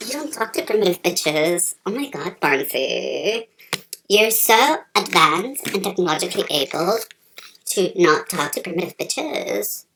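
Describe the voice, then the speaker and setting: A woman voicing a gushing, falsely flattering female interviewer in a satirical sketch, sounding mock-impressed. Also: lowish voice, a little slow, creaky, a little hiss or hum, voice pushed down, full character voice, low-quality recording. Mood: gushing, fawning.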